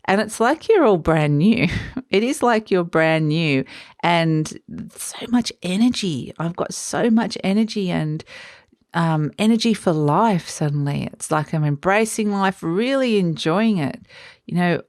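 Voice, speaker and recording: A woman giving a tarot reading in a dreamy, searching way, pausing on fillers as she hunts for words. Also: fairly low pitch, animated, a little mellow, dry recording, studio quality. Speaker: tarot reader.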